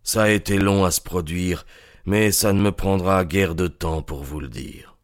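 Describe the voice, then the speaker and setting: A man's voice: deep voice, fairly even intonation, measured pace, no room sound, studio quality. An actor playing a remorseful old man who is dying, speaking in a heavy, weary, pleading way.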